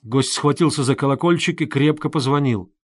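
Expressive male audiobook narrator. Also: medium pitch, no echo, studio quality. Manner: measured, expressive reading. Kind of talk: scripted narration.

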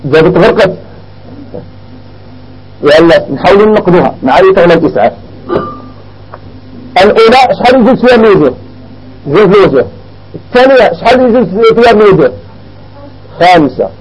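A man with a Moroccan accent leads a grammar lesson. His voice sits high and a little husky. He explains step by step and keeps asking the class questions before answering them himself. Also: very animated, fairly quick, long pauses, a little mellow, rough recording. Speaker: teacher.

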